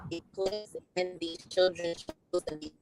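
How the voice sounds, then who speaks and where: A woman's voice: lowish voice, fairly even intonation, a little slow, loud music behind the voice. A woman speaking earnestly on a remote call, with many hesitant fillers, while her audio glitches and breaks up on a bad connection. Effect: choppy audio breaking up on a bad call connection. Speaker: participant in an online group discussion. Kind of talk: earnest casual talk on a call.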